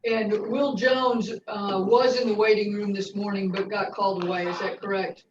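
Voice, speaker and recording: A woman prosecutor questioning a witness in a brisk, formal manner, heard in a courtroom recording. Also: mid-range voice, level tone, background noise. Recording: roomy, distant, dull courtroom recording.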